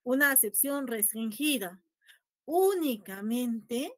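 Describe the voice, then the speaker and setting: A woman's voice: fairly high pitch, lively intonation, takes it slowly, no echo, studio quality. Woman lecturing, ending every phrase with "¿no?". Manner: tags almost every phrase with a questioning "¿no?"; asks the class questions and acts out lines to her pet dog. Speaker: linguistics teacher. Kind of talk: lecture to a class.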